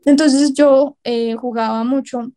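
A woman's voice: high-pitched, fairly even intonation, slow, mellow. A young Colombian woman with a Colombian accent, a guest and writer, telling stories in casual conversation. She acts out what people said and often laughs. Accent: Colombian Spanish.

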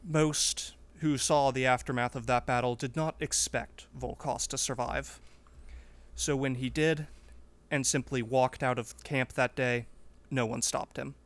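A man's voice: medium pitch, fairly even intonation, unhurried, close to an everyday voice. A man playing a humble but resolute wandering warrior in a tabletop game, speaking formally and earnestly. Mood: solemn.

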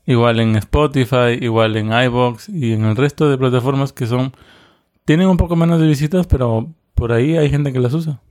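Relaxed joking male podcast host. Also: medium pitch, moderate pace. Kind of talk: casual chat.

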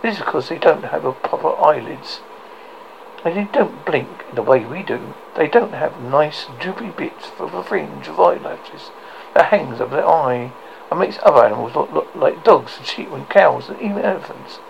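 A person reading a story aloud as a narrator, in a halting way that often stumbles over and repeats words. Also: medium pitch, expressive, gravelly, dull audio, a little hiss or hum.

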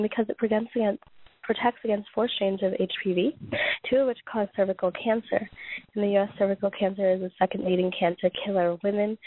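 Woman host, voice going hoarse, halting read-through, coughing and restarting, tinny phone-like sound. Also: medium pitch, no echo. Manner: halting reading with frequent restarts and throat clearing. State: losing her voice, coughing. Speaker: podcast host reading points on a topic. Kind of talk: reading prepared notes aloud.

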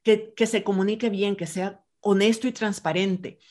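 A woman's voice: mid-range voice, fairly even intonation, moderate pace, darkish tone. Reflective woman host. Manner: reflective, explains ideas point by point. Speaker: podcast host. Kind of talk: casual conversation.

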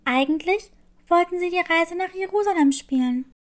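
A woman narrating a scripted children's story in a slow, soothing way. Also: very high-pitched.

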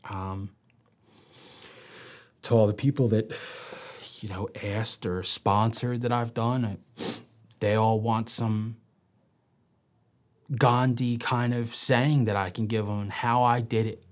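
A man's voice: on the low side, flat delivery, takes it slowly, long pauses. A man speaking in an interview, telling his own story candidly. He sometimes drops to a near whisper and acts out quoted voices with animation. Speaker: interview guest. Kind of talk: personal storytelling.

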